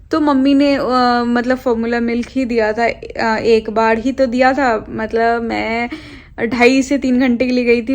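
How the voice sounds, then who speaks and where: Chatty young woman vlogger, higher voice. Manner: chatty, rambling, with frequent hesitations. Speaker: lifestyle vlogger. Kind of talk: casual chat to camera.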